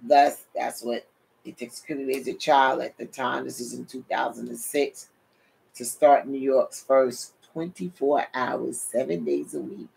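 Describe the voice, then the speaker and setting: Speaking from a desk chair in her home office over a webcam, a middle-aged New York woman gives a sermon-style testimony in a New York accent with Caribbean touches. Her voice is rumbling low, unhurried, slightly rough, and full of vocal fry, and the recording quality is poor. A preacher and show host, she talks animatedly, gestures with her hands, and calls her listeners "people".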